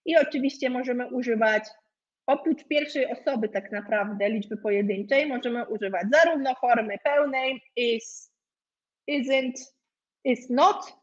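A woman's voice: fairly high pitch, moderate pace. A woman teaching an online English lesson, upbeat and full of praise, with small jokes along the way. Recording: lo-fi webinar audio.

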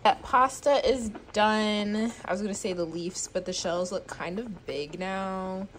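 A cooking vlogger in her twenties talks casually into a phone camera in her small home kitchen and apartment room, rambling and self-mocking with lots of fillers. Her voice is mid-range at a measured pace. The audio is poor, with slight background noise.

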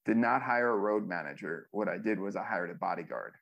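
A man's voice: on the low side, lively intonation, a little fast, gravelly, fairly bright tone. A man, a former music manager, telling stories in a casual interview, loose and profane with lots of fillers. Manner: loose, profane storytelling with many fillers and acted quotes.

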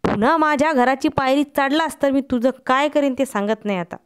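A woman reading a story aloud, voicing a timid, soft-hearted man who speaks in agitated, exclaiming questions. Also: high voice, fairly quick, natural voice. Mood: furious.

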